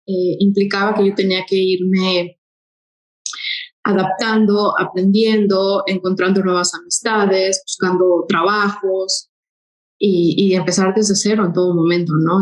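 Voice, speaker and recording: A woman from Mexico City, a podcast guest, tells her story conversationally, with hesitant fillers and quick bursts. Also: medium pitch, steady tone, echoey room, poor audio. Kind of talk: interview storytelling.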